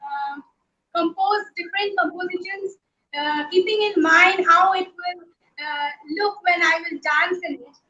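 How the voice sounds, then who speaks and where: A Kathak dancer, a woman, speaking slowly and carefully before reciting dance syllables. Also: very high voice, bright, forceful tone, dull audio. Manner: slow, measured, grateful speech. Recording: roomy sound from a distance.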